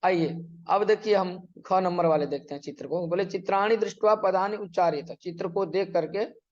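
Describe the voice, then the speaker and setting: A man's voice: high-pitched, lo-fi sound. A male teacher giving an online Sanskrit lesson, reading words out and explaining each one with repetition. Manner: slow, drawn-out dictation of words with quick explanations; instructive, repeats and translates each phrase. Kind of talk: online exam-prep lesson.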